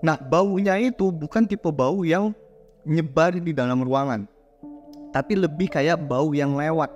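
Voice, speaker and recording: A man's voice: a little high, a little slow, darkish tone, muffled recording, faint music behind. Chatty man telling a horror story. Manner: slangy, chatty, acts out the characters' quoted lines.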